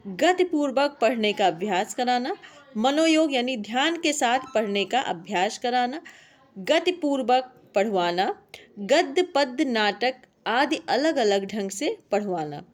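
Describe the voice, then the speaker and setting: A young woman teaching a class on language teaching, reading out lists of points in a steady classroom manner. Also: a little high. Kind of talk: exam-prep lecture reading out points.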